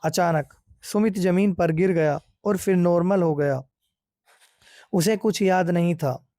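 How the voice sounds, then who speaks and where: Male horror narrator, high pitched, dark mellow tone, steady suspense. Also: measured pace, no echo. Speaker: horror storyteller.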